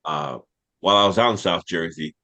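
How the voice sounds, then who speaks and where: In a deep, bright and forceful voice, a New York-accented American podcast host talks fairly quickly through a rambling, casual story about his childhood.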